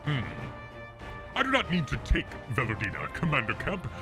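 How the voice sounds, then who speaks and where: A man's voice: a little high, huge pitch swings, moderate pace, music in the background. A man reading a bold male military leader's lines aloud through a voice changer, in a commanding, theatrical manner. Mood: scheming. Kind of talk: reading game dialogue aloud with friend.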